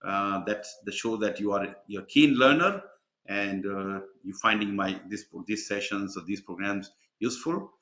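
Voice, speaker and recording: This webinar host and exam mentor has a low-leaning voice with a fairly bright tone and an ordinary pace. His talk wanders and is packed with fillers, and it comes through a video call that sounds muffled and echoey.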